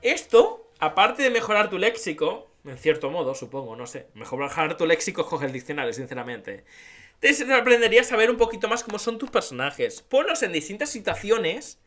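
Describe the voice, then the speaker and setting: A male YouTuber chats casually about writing dialogue, checking in often with "¿vale?". His high-pitched, fairly bright voice swings widely in pitch at a fairly quick pace, over soft background music.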